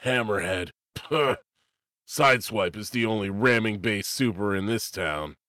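A man's voice: lowish voice, a little slow, sharp tone, dry recording, studio quality. A man voicing a cocky, chatty young male superhero speedster with a teasing, friendly manner. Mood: breezy.

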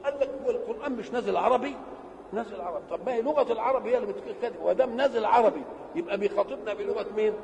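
High-voiced Egyptian man teaching in a hall. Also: vocal fry, darkish tone. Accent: Egyptian Arabic. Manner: asks questions and answers them himself; stretches key words slowly for emphasis. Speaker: religious teacher. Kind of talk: religious lesson. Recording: reverberant hall with faint background noise.

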